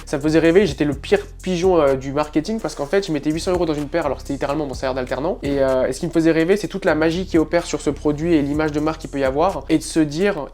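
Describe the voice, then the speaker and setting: A man's voice: on the high side, darkish tone. A young man hosting a casual podcast as a fitness coach, talking emphatically with many filler sounds.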